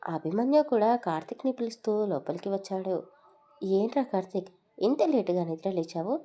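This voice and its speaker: A woman's voice: medium pitch, expressive, a little fast, mellow. A woman narrating a romantic audio story with a Telugu accent, voicing every character's dialogue herself.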